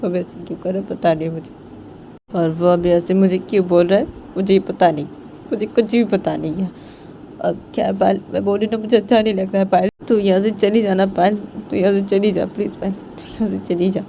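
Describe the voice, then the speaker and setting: A woman's voice: mid-range voice, fairly even intonation, a little fast, vocal fry, mellow, natural voice. Brief: withdrawn, pleading young woman, voiced by a female narrator, vehicle noise. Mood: upset. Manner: pleading, repetitive.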